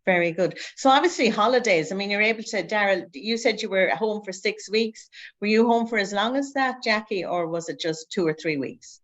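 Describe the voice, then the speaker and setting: A woman's voice: mid-range voice, a little fast, a bit bright, lo-fi sound. A woman hosting a casual recruitment podcast interview, chatty and upbeat as she asks her guests questions.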